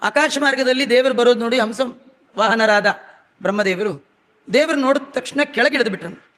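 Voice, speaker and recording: High-voiced man chanting scripture in a hall. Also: fairly bright tone. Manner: chants scripture verses slowly between homely conversational asides. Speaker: religious discourse speaker. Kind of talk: devotional storytelling discourse with chanted verses.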